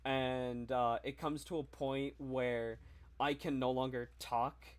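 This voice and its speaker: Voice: mid-range voice, steady tone, slow pace. A young adult game streamer with a neutral voice, chatting casually with live stream viewers. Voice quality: neutral, versatile voice. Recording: noisy game stream with clicks.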